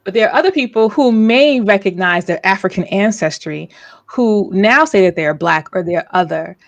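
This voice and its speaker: A woman's voice: fairly low pitch, dry recording, dull audio. A woman hosting a livestream discussion, talking casually with many fillers and restarts.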